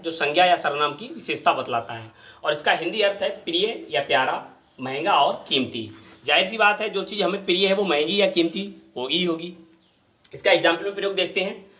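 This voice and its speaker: A man explaining English words and their meanings in a patient lesson, repeating each word slowly. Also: a little high, pushed and bright. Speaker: English vocabulary teacher.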